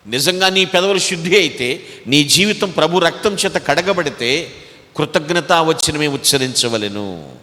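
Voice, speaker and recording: A man with a Telugu accent preaching a sermon as pastor, swinging between loud exhortation and quiet, low asides. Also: lively intonation, measured pace, big-room sound.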